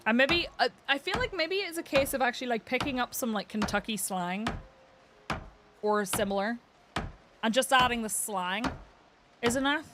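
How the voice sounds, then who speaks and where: A woman's voice: a little high, lively intonation, normal speed, pauses often. A woman with an Irish accent chatting casually on a live game stream, rambling with lots of filler words. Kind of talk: casual live-stream chat while gaming. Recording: clear background noise with clicks.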